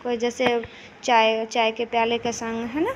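A woman teacher explaining a children's poem line by line. She talks patiently, reads the verse slowly, and keeps checking with "है ना". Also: a little high, little pitch movement, background noise. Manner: slow, patient explaining with many fillers and "है ना" checks; reads the verse lines slowly and recites them. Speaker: Hindi teacher.

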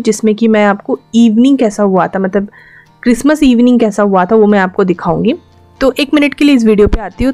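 A young woman vlogger from the Andaman Islands narrates a road trip in a chatty, explanatory voice-over. She keeps slipping English words into her speech at a mid pitch. Faint music plays quietly underneath. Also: dry recording. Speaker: travel vlogger.

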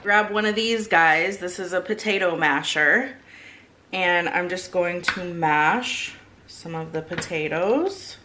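A woman in her thirties giving casual cooking instructions to viewers in her home kitchen. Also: medium pitch. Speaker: home cook and vlogger. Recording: clear frying and kitchen noise. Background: sizzling food, stirring.

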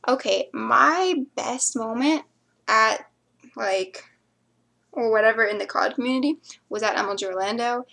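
A woman's voice: fairly high pitch, measured pace, creaky, bright, forceful tone. A young woman chatting casually to camera, answering viewer questions and rambling into mumbled asides.

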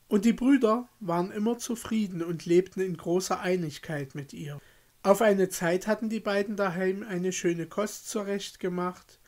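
A male storyteller reads a fairy tale in a calm, measured voice. His pace is notably slow and unhurried, giving every phrase room. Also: high-pitched.

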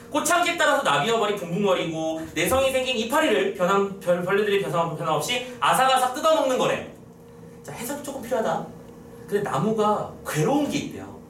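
A man's voice: high-pitched, a bit bright, slight background noise. A young man lecturing on a poem for exam prep, talking casually and teasing his students. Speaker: Korean literature lecturer. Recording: echoey room, mic at a distance.

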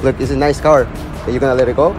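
A man loudly and insistently offering a ride from his car, outdoors. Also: mid-range voice, steady tone, very fast, music in the background. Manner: loud, insistent, coaxing. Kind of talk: casual chat.

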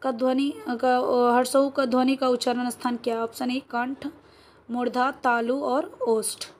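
Woman teacher, Bihari accent, high voice, exam prep lesson, keeps asking "clear?". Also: flat delivery, measured pace. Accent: Bihari Hindi. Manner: keeps asking the class "clear?" and answers her own questions.

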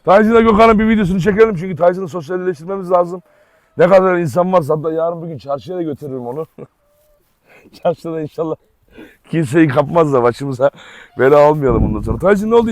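A man with a fairly high voice talks casually to viewers and a friend outdoors. He often breaks off to shout firm commands at his dogs. The talk is loose and chatty. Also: fast talker, no room sound. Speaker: dog owner and channel host. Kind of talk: casual vlog chat.

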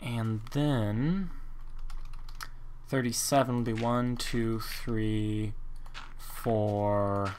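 This let's play host narrates his Minecraft session very slowly, pausing often, in a lowish, darkish voice with fairly even intonation. He thinks out loud, counts blocks under his breath, and rambles. There's a slight hiss or hum.

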